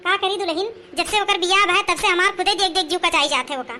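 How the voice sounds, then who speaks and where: A woman's voice: very high voice, quick pace, bright, forceful tone, a little hiss or hum. An actress playing a nagging, scolding village mother-in-law who speaks an in a comedy skit.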